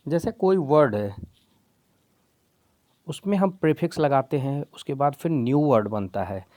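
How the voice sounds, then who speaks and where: A man's voice: medium pitch, dark tone, no echo. A man teaching spelling rules patiently, step by step, calling his viewers friends. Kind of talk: explaining a lesson in Hindi.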